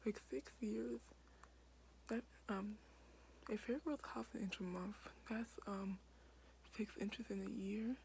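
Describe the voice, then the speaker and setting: A young woman vlogging in a hushed whisper late at night in a basement, filling her talk with "like" and "um". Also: mid-range voice, fairly even intonation, slow, creaky, long pauses, a little hiss or hum, poor audio. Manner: whispering quietly, many fillers like "like". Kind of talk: casual whispered vlog.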